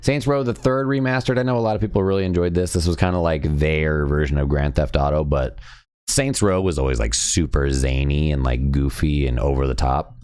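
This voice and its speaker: Casting: young adult male host, extremely low voice, casual rambling live-stream chatter. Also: fairly quick, a little mellow, clear, resonant tone.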